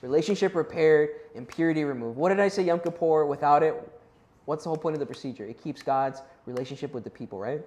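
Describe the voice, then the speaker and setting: This youth Bible class teacher has a fairly high, slightly mellow voice and speaks fast. He talks conversationally, checks in with his listeners, and hesitates over pronouncing certain Hebrew and Greek words, with roomy echo in the recording.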